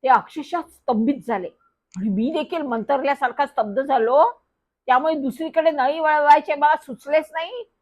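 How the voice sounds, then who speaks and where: A woman narrating a children's story in a lively first-person manner. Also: high-pitched, moderate pace. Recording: dull lo-fi recording.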